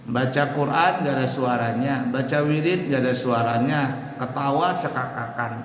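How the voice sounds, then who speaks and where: Animated man preaching in an echoey hall. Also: moderate pace. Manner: animated, shouting and chanting examples, wide swings in pitch. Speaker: religious teacher addressing students. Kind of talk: lively sermon to students. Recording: echoey hall with faint room noise.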